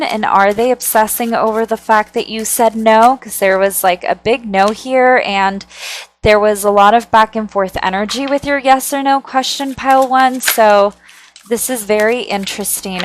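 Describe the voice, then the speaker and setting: A woman's voice: on the high side, a little hiss or hum. A woman giving a channeled tarot reading in a chatty, conversational way, often checking in with the listener and speaking with nervous amusement. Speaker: tarot reader.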